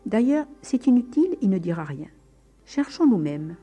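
A woman voicing a respectable townsman who calms his angry friend with reasonable words, her voice husky. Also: medium pitch, moderate pace, highs cut off, faint music behind. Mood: soothing. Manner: calming, reasonable.

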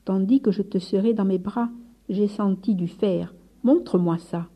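A woman reading the part of a fervent, gentle male friar who leads his brothers, speaking earnestly with rising urgency. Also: mid-range voice, a little slow. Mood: earnest, stern.

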